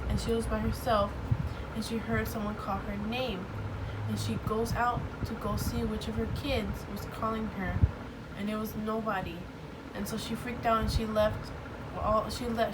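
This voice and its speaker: A woman casually retelling a story in a conversational way. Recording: very noisy background rumble.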